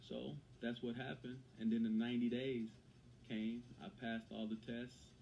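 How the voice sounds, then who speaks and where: A man's voice: mid-range voice, level tone, normal speed, vocal fry, dark tone, dull audio, slight background noise. A Texan man, a guest in an interview, telling his story and acting out the people he quotes.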